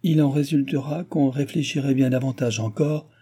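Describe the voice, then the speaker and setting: A man's voice: fairly low pitch, steady tone, normal speed, mellow, close to an everyday voice. A man voicing an anxious, agitated aristocratic lady at court.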